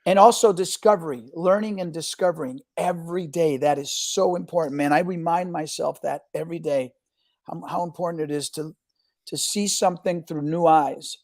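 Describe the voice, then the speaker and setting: A middle-aged man from Argentina speaks in a fairly high voice. His delivery is energetic, and he keeps restarting and repeating words as an interview guest. The sound is dry and close. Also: normal speed, creaky, dry recording. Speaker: guest film director. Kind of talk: casual interview talk.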